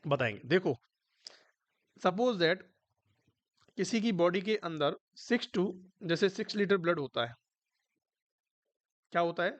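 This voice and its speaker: A man with a fairly high voice teaches an exam-prep lesson for nurses. He coaxes his students, checking again and again that they follow, and he slows down to read questions out in English. The recording is close and dry, with no room sound. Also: fairly bright tone, dry recording. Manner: coaxing, repeatedly checks if students understood; mixes Hindi with English medical terms, reads questions slowly. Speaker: nursing exam tutor. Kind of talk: online exam-prep lecture.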